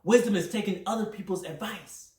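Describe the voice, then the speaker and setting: A young man hosting a podcast, talking through a personal motivational monologue in an energetic, rambling, self-reflective way. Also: high voice, fairly quick. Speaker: podcast host. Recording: roomy echo, mic at a distance.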